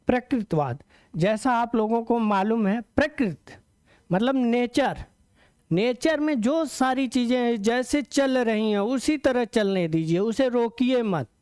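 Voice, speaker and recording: A male teacher gives an exam-prep lecture in a smooth, clear voice. He explains step by step, repeats key terms and asks himself questions before answering them. The sound is close and dry, with no room echo. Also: extremely high pitch, animated, measured pace, a little mellow.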